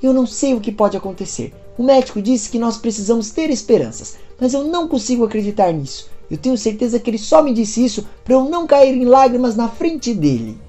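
Lady reading as a scared soap mom, pleading, lots of up-and-down questions, darkish mellow tone. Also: a little high, very animated, fairly quick, few pauses, soft background music, voice pushed up. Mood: anguished. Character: worried middle-aged mother and wife.

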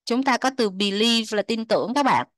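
A woman teaching English to children, repeating words slowly, translating them and chatting with soft sentence endings. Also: on the high side, expressive, no echo. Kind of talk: explaining a textbook lesson to children.

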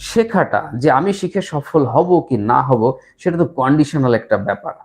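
A man's voice: on the high side, lively intonation. Man drilling English phrases. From Bangladesh. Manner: slow, repetitive drilling of phrases with pauses. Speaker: English tutor. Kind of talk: live online English lesson.

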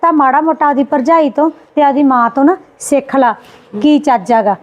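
A woman scolding her sister-in-law in a Punjabi family drama skit, indignant and quick. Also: high-pitched, lo-fi sound.

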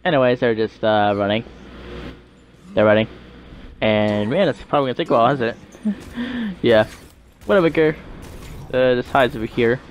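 A man's voice: medium pitch, expressive, normal speed, long pauses, a little hiss or hum. A man casually narrating a game video story in a rambling way, with chuckling asides.

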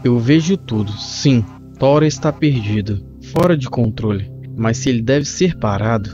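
A man voicing a resolute female Asgardian warrior, read plainly in his own warm voice. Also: medium pitch, expressive, measured pace, natural voice. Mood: stern. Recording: muffled lo-fi with faint music.

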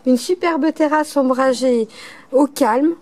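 High-voiced woman host, cheerful and chatty. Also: slow pace, a little mellow. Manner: enthusiastic, praising, many fillers like voilà. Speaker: host of a local restaurant report. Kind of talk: casual on-site interview. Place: outdoor restaurant terrace, then a kitchen. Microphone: camera mic, speaker behind the camera.

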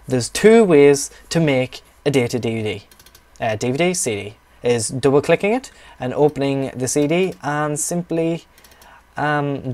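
A man's voice: fairly high pitch, darkish tone. A young man with a northeast English accent talks through a computer tutorial in a rambling, chatty way, with offhand asides. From northeast England. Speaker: tutorial maker. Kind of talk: casual screen-recorded tutorial.

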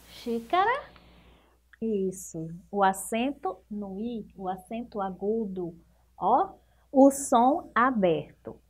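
A Brazilian woman teaching a recorded lesson to young children, patient and encouraging, stretching out each example word. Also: mid-range voice. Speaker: primary school teacher.

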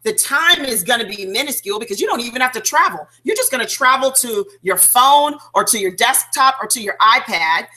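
A woman leading a sales training call, chatty and animated, telling stories with restarts and fillers. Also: on the high side, fairly quick, few pauses, low-quality recording. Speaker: network marketing trainer.

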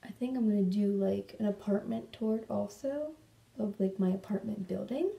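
A woman's voice: mid-range voice, normal speed, creaky, muffled recording. A woman vlogger chatting in a rambling way while doing her makeup at home, talking to her cat now and then. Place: room at home. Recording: echoey room, mic at a distance.

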